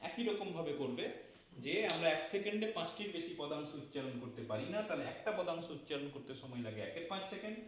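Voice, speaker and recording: A male physics teacher talks his class through a problem one step at a time, stopping to ask whether they follow. His voice sits high, and it sounds heavily echoey, picked up from a distance. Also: expressive, fast. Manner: explains step by step, asks "তাই না?" to check understanding. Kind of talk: classroom lecture. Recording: very echoey room, distant mic, faint noise.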